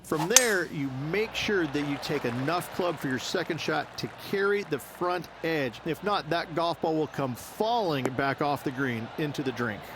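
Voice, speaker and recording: Explanatory male golf analyst, fairly high voice. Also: lively intonation, moderate pace, hardly any pauses, background noise. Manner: explanatory, advising. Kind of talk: golf commentary.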